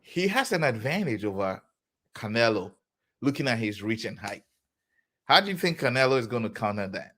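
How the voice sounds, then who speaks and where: A man hosting a boxing talk show, asking questions in a lively, teasing, conversational way. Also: mid-range voice, normal speed. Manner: lively, laughs and teases the guest. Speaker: show host. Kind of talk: casual interview.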